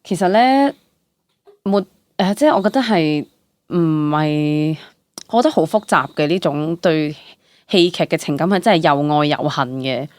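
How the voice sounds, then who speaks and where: As a guest in a casual, candid interview, a young stage actor with a Hong Kong Cantonese accent chats expressively, sprinkling in English words and exclamations while telling animated stories. Her low voice runs at a normal speed, with no room sound in the recording.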